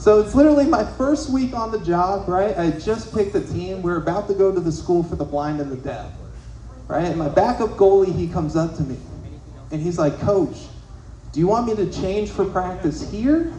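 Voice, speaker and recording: A man's voice: high-pitched, moderate pace, warm tone, slight background noise. Profane young man doing stand-up. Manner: loose, profane, conversational storytelling. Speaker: stand-up comedian. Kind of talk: stand-up set. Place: comedy club stage with audience. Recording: echoey club room, faint ambience.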